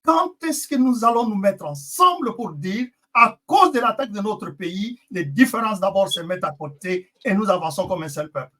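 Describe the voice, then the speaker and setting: A woman making an impassioned political address to her compatriots, forceful and rhetorical. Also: medium pitch, expressive, normal speed, hardly any pauses. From Congo. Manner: forceful, rhetorical, appeals to the audience. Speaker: interpreter and guest.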